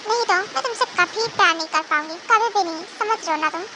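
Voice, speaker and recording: A young wife, as a woman plays her in a fan audio drama, coaxing and bossy by turns and never afraid to answer back. Her voice is very high, and a noisy home recording hums beneath it. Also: fast. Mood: pleading. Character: young wife, pleading and then defiant.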